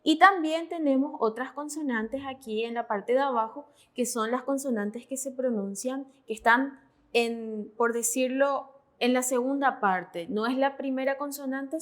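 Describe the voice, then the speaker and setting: A woman's voice: high-pitched, measured pace, fairly bright tone. A woman teaching Korean pronunciation in Spanish, methodical and often checking in with her students. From Paraguay. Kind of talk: classroom explanation.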